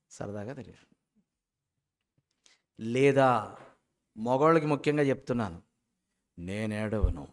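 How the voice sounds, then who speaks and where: A man preaching a sermon as pastor, animated and swinging between loud and soft. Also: mid-range voice.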